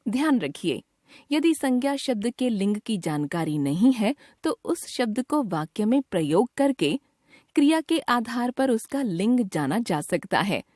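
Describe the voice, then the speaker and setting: Slow, lively woman teaching grammar. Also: fairly high pitch, no echo, studio quality. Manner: slow, careful enunciation with an expressive teacherly lilt. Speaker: Hindi grammar narrator. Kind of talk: scripted textbook lesson narration.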